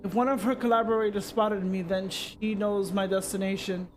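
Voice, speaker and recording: A man streaming and reading a story game aloud in first person, steady with occasional slips and restarts. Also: sits high, moderate pace, soft background music.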